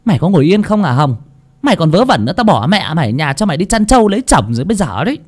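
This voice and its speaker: A man voicing a sharp-tongued, scolding middle-aged mother in a storybook reading. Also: very animated, brisk. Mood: annoyed. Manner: shrill, nagging, much higher than the reader.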